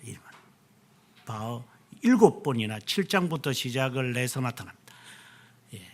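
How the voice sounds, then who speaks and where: A middle-aged male pastor preaching a sermon, stressing key words slowly and answering himself with "yes". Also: mid-range voice, very animated, a little mellow.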